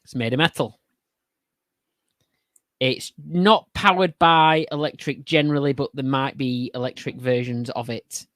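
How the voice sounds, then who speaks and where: Pub quiz host, laughs a lot, hedges every clue, dry close sound. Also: male voice, medium pitch, steady tone, a little slow, a bit bright, dry recording. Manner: giggly, hedging, rambling clue-giving. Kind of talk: casual pub chat podcast.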